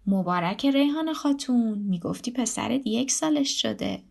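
A woman's voice: on the high side, expressive, vocal fry, a little mellow. A woman voicing a sly mother cat who speaks in a coaxing way.

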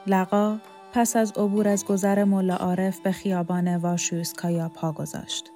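A woman narrating a novel in a measured, even storytelling voice. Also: mid-range voice, soft background music. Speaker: audiobook reader. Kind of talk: scripted narration.

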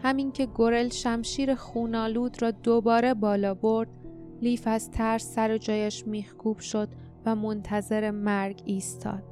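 A woman narrating a fantasy audiobook in a steady, dramatic storytelling manner. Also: on the high side, soft background music. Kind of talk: scripted narration.

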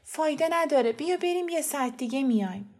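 A woman's voice: high voice, animated, a little mellow, pitched above the performer's own voice. A woman reading a story voices a frightened but defiant mother, speaking urgently and tensely.

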